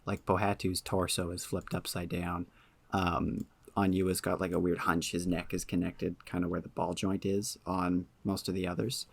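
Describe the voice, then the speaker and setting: A man's voice: sits low, little pitch movement, normal speed, gravelly, breathy edge. A man hosting a casual podcast, talking at length with lots of ums and eager enthusiasm. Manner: rambling, many ums, enthusiastic. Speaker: podcast host. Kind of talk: casual chat.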